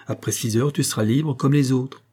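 A man voicing a kind invalid lady who speaks gently but firmly to her young servant, in a read-aloud novel. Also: mid-range voice, steady tone, normal speed, slightly rough, natural voice. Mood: gentle, firm. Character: kindly invalid lady, firm yet tender.

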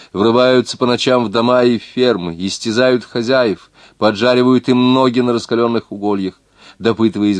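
A proud young noble turned outlaw, earnest and pleading, with a low, deep voice, as a male reader plays him. The reading sounds close and dry. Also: dry recording, natural voice. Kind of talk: audiobook reading of a novel.

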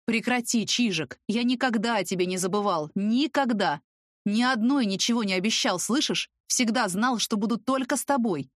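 A woman's voice: on the high side, moderate pace, no room sound, close to an everyday voice. Pushy ex-boyfriend, a young man pleading hard, voiced by a woman reader; storybook part, dry. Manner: insistent and urgent.

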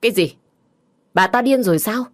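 A woman voicing a frantic, scolding older mother in a narrated story, raising her voice high and loud. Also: normal speed, close to an everyday voice. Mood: shocked.

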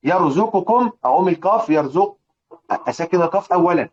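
A high-pitched, slightly mellow male voice, animated and fast, comes through on dull audio with an Egyptian Arabic accent. In a religious lesson explaining a poem on recitation rules, he drills students by repeating rhetorical questions.

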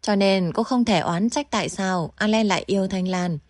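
A woman voicing a sly young woman who mocks her captive and then coaxes her in a falsely gentle way. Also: mid-range voice, normal speed, dry recording, clean studio sound, close to an everyday voice. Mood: mocking. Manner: mocking, teasing, then falsely gentle and coaxing.

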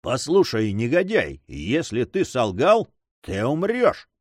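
A man's voice: medium pitch, wildly swooping pitch, takes it slowly, a little mellow, no room sound, clean studio sound, exaggerated voice. A man voicing a furious, haughty count. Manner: commanding, threatening. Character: proud, hot-tempered male nobleman, a count. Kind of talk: audiobook reading.

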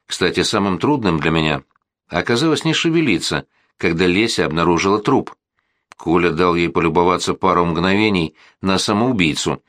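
Male reader as a balding husband, calm and explanatory, lowish voice. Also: no room sound, clean studio sound, close to an everyday voice.

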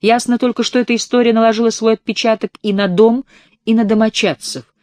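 A hesitant, uneasy landowner confides a dark local legend , read by a woman in an audiobook. He speaks in a low, confiding tone with little flourish. The recording is dry and close. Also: steady tone, a little fast, no room sound, close to an everyday voice.

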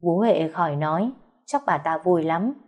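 A woman narrating a first-person story in an even storytelling way. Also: on the low side, moderate pace, muffled recording.

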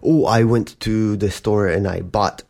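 A man hosts a podcast teaching English, patiently and casually explaining words and acting out little example quotes in playful put-on voices. His voice is on the low side, gravelly, and a little mellow, with a steady tone and measured pace.

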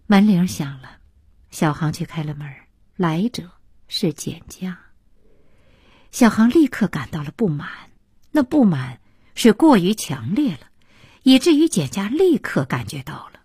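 A woman narrating an audiobook in a slow, soft and intimate way. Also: deep voice, breathy edge, no echo, studio quality.

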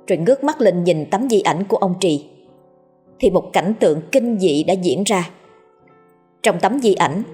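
A woman narrating a horror story in a steady, dramatic reading. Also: on the low side. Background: faint music.

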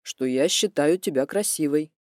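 A woman voicing a calm, blunt young man who speaks in a level, understated way. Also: sits low, moderate pace, no echo, studio quality, voice pushed down, natural voice. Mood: calm teasing. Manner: level, even, understated delivery.

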